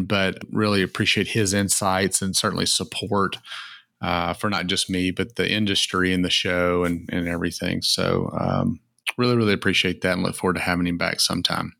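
A man co-hosting a podcast talks in a relaxed, casual way, full of um's and restarts. His voice sits a little low and sounds dry and close. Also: vocal fry, dry recording. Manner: relaxed, many fillers and restarts. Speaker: podcast co-host.

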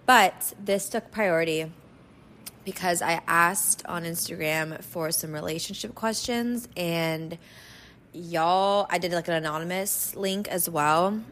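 Woman, mid-20s, podcast host, a little hoarse, low-ish voice, casual filler-heavy delivery. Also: takes it slowly, fairly bright tone, a little hiss or hum. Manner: rambling, lots of likes and ums. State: hoarse from being sick. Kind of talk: casual chat, advice podcast.

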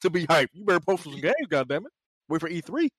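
A man's voice: on the high side, expressive, fast, crowd noise. A man from Pittsburgh bantering casually on a gaming podcast, brash and trash-talking with heavy swearing. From Pittsburgh, USA.

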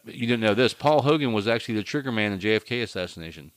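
A man in crude, rambling casual banter, telling deadpan tall tales and swearing freely. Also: lowish voice, quick pace, no room sound.

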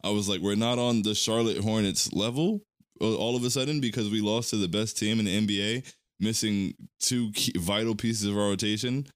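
A man's voice: lowish voice, fairly even intonation, brisk, no room sound. A man co-hosting a podcast, ranting heatedly about other fans and retelling online arguments in casual talk. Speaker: podcast co-host. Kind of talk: casual sports chat.

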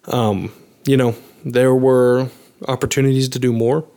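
A man's voice: mid-range voice, level tone, a little slow, mellow, clear, resonant tone. A man co-hosting a sports podcast, breaking down results analytically with frequent "um" and "you know" fillers. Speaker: podcast co-host.

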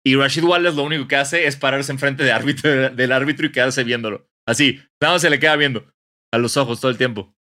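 A man's voice: mid-range voice, quick pace. A young man with a Mexican accent, co-hosting a podcast and telling stories in casual, slangy chat. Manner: slangy, animated storytelling. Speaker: podcast co-host.

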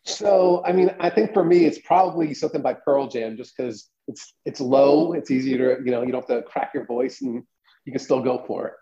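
A man's voice: medium pitch, warm tone, echoey room, highs cut off. A man, the show's producer, chatting casually over a remote connection whose audio keeps cutting out in dropouts. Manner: easygoing, talks in short halting pieces. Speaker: podcast producer. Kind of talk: casual chat.

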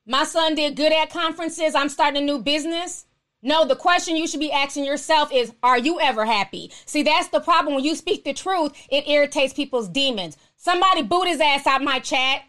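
A woman's voice: high-pitched, brisk, fairly bright tone. A woman hosting a live stream, chatting casually and answering viewer comments in a sassy, blunt, slangy, outspoken way.

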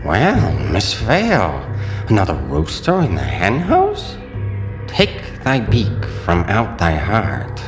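The Joker, wildly swooping, slow menace. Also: male voice, lowish voice, wildly swooping pitch, music in the background, heavily acted. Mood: mocking. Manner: mocking, drawn-out, theatrical. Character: theatrical, menacing male crime-boss clown, gleefully unhinged. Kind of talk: audio drama acting.

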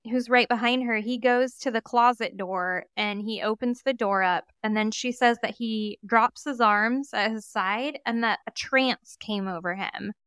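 Female podcast co-host, smooth resonant voice, lively casual narration, very dry sound. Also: on the high side, dry recording. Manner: animated retelling, acts out quoted witnesses. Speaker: true crime podcast co-host. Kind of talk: casual storytelling.

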